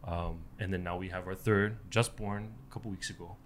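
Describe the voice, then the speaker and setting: A man, a podcast guest who chats casually and halts often with filler pauses. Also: low voice, steady tone, a little hiss or hum. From Hawaii. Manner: halting, many filler pauses.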